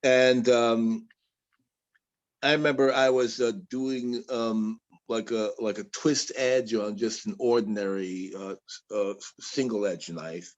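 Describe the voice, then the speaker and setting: A man, a guest bladesmith, talking haltingly with restarts in a casual interview over a video call. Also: mid-range voice, steady tone, muffled recording. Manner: halting, with many restarts and fillers.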